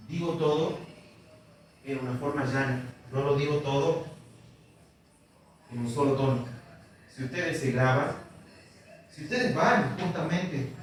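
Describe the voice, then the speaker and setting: A male teacher giving a classroom lecture, explaining patiently and often checking in with his students. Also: fairly high pitch. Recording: echoey room from far off, faint noise.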